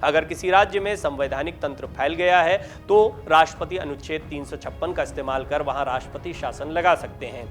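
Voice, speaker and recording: A man narrating a scripted news report in a steady, formal, explanatory read. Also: fairly high pitch, brisk, hardly any pauses. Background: faint background music.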